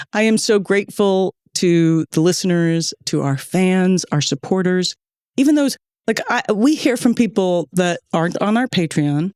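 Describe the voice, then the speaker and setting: A woman's voice: lowish voice, expressive, unhurried, a little mellow, clean tone, dry recording, studio quality. A woman hosting a podcast in casual chat, talkative and grateful, laughing often between thoughts. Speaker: podcast host and producer. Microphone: studio microphone.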